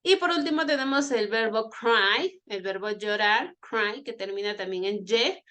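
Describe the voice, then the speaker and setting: Her pitch is fairly high, her pace measured, and her tone somewhat bright as she leads an online English grammar lesson. A native Spanish speaker, she explains with patience, repeats points, and checks on her students.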